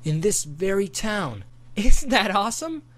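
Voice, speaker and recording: Man doing a shy curious kid voice, pitched up, full of questions. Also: big pitch swings, a little slow, a bit bright, exaggerated voice. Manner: hopeful, inquisitive. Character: curious young boy, timid and eager. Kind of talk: amateur audiobook character voice.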